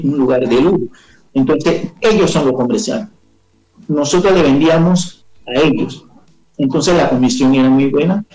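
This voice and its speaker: A man recounts his life as a guest in an interview. His voice sits a little high, and he rambles, circling back with fillers and restarts. The room around him rings with echo. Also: darkish tone. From Panama. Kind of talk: casual storytelling interview.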